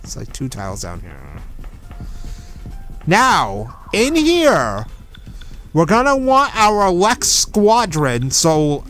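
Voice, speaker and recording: A man's voice: high voice, huge pitch swings, slow pace, long pauses, a bit bright, faint music behind. A young man casually commenting on a game he is playing, chatty and giving strategy tips. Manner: chatty, gives strategy tips, self-correcting. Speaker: let's play host.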